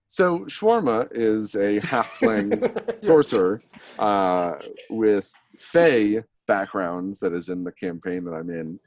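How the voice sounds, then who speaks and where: A man's voice: fairly low pitch, animated, takes it slowly, creaky, a little mellow, dry recording. A man hosting a casual chat, joking, rambling and laughing often.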